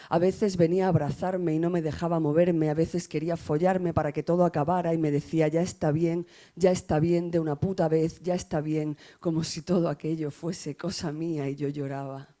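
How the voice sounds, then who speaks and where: A woman from Spain reading her own poetry aloud in a measured, grave and intimate way, with a Spanish accent from Spain. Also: deep voice, mellow. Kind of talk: poetry recitation.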